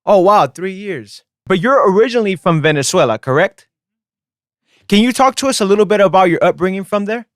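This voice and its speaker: A man's voice: sits high, expressive, fairly quick, dry recording, clean studio sound. A man hosting an interview podcast, asking simple questions and giving short encouraging replies. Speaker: podcast host. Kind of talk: casual interview.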